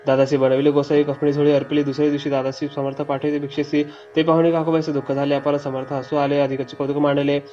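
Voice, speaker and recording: Man, devotional scripture reader: flat, dark delivery over faint music, lo-fi dull sound. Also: a little high, quick pace, few pauses.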